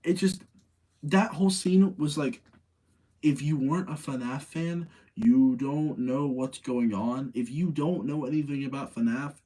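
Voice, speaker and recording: A man hosts a livestream reviewing movies, chatting casually with opinionated, rambling commentary and repeating points for emphasis. His voice is mid-range with a dark tone, his delivery unhurried, and the recording rough.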